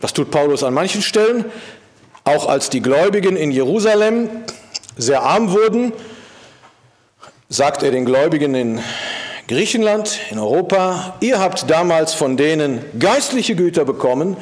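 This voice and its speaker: Man preaching with a fairly high voice. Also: normal speed. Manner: steady teaching tone, drops low at the end of sentences. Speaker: Bible teacher. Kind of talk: sermon, verse-by-verse Bible exposition.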